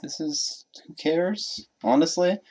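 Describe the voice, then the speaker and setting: A laid-back co-host in a casual podcast about movies. Agrees often, chimes in with short remarks and throws in casual swearing. The pitch sits in an ordinary middle range. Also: takes it slowly, darkish tone. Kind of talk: casual film discussion.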